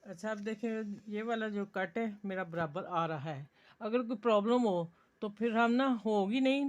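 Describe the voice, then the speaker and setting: Chatty Pakistani woman teaching sewing. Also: fairly high pitch. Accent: Urdu, Pakistani. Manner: homely, chatty, encouraging. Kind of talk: stitching tutorial.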